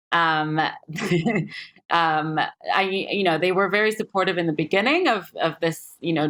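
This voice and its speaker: Woman, 30s, from Singapore, investor guest; low-pitched, reflective, pauses often. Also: a bit bright. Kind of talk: podcast interview.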